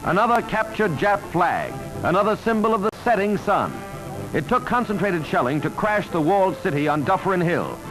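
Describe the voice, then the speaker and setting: A man narrating an old 1940s wartime newsreel in a brisk, emphatic announcer delivery. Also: high-pitched, very animated, poor audio. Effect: old newsreel soundtrack. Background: loud music score.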